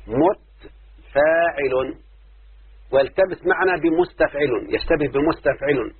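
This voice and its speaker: A man teaching a lesson on verse meter, chanting the quoted lines slowly and then explaining them plainly. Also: fairly high pitch, dry recording. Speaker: teacher of Arabic prosody. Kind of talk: religious-style lecture explaining verse. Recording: dry, phone-like lo-fi, husky.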